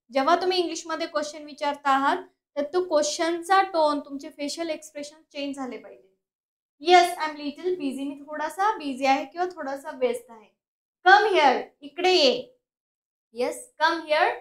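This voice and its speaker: Woman language teacher from India, unhurried delivery, slow drilled model sentences, echoey room. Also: sits high, a bit bright. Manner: slow, drawn-out English model sentences, then quick explanations. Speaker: spoken English teacher. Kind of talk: bilingual language lesson.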